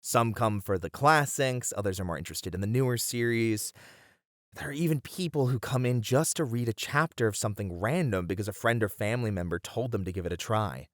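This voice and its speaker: Speaking a little fast in a fairly low, natural voice, a man takes on the role of a warm, talkative bunny boy who's a regular at a manga cafe. The casual ASMR roleplay feels fond and nostalgic, full of easygoing, welcoming chatter and slangy hesitations. It's studio quality with no room sound.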